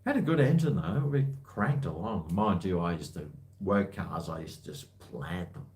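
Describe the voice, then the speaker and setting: Answering comments from viewers, the man hosting this casual livestream rambles in easygoing, blokey slang. His voice is low-pitched and somewhat dark, expressive, and delivered at an ordinary speed.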